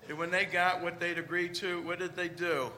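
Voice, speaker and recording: A man's voice: high-pitched, flat delivery, normal speed, sharp tone. A man preaching a conversational homily, with rhetorical questions and emphatic points.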